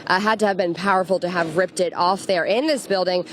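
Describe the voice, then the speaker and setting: A woman's voice: on the low side, steady tone, brisk, fairly bright tone. A woman field reporter giving live, descriptive on-location news coverage with an urgent delivery. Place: outdoors at beach, streets and waterfront in storm. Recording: outdoor location noise with traffic.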